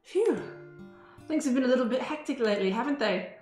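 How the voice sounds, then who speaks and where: A woman voicing a caring, polite schoolgirl club president in an amateur visual novel reading, gentle and reassuring. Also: a little high, animated, brisk, lightly acted. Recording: roomy sound, music behind.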